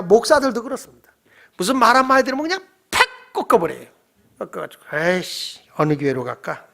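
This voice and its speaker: A male pastor delivers a night-service sermon in a church with a gravelly, rough-edged voice. He preaches with animated energy and keeps tossing questions out to the congregation. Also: very high-pitched.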